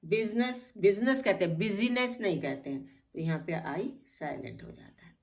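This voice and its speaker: A woman's voice: low voice, animated, moderate pace. A woman teaching English spelling rules, patiently spelling out each word letter by letter. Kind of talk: spelling lesson explained in Hindi.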